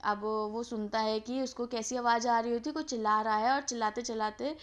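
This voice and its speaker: A woman teacher explaining a textbook story, reading each English line slowly and then explaining it in everyday speech. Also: fairly high pitch, steady tone.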